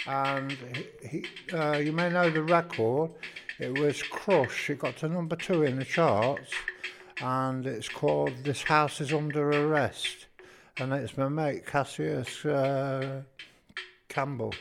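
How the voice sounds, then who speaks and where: A man's voice: mid-range voice, fairly even intonation, slow pace, gravelly, background noise. A man who is a hospital patient and former DJ, chatting casually and rambling with frequent restarts. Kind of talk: casual conversation.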